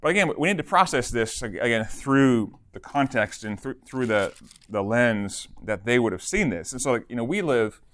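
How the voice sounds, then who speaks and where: A man's voice: mid-range voice, expressive, normal speed, fairly bright tone, no room sound. A man teaching a Bible class in a loose, conversational way, with many fillers and tag questions.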